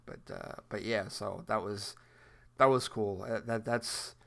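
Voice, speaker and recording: A man's voice: fairly low pitch, fairly even intonation, a little slow, creaky. A man co-hosting a podcast in casual chat, rambling with repeated words and restarts and frequent laughs. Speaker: podcast co-host.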